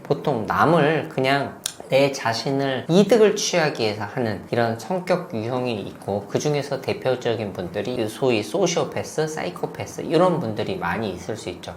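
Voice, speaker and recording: A male psychiatrist answers interview questions in a measured, explanatory way, his intonation rising and falling widely. His voice carries the echo of a roomy space, with a faint noise underneath. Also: mid-range voice. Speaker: psychiatrist guest.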